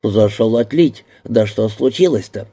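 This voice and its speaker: A laconic male detective, giving clipped and offhand answers, as the narrator reads him. The voice is low and dark. It sounds matter-of-fact and unbothered. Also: animated, measured pace, husky, full character voice. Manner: short, offhand replies. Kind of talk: audiobook character reading.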